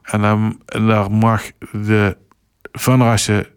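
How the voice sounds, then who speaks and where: A middle-aged man with a Limburg Dutch accent, speaking reflectively and a little haltingly as a guest in a conversational interview. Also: on the low side, level tone, smooth, no room sound, studio quality. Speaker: local broadcaster, podcast guest.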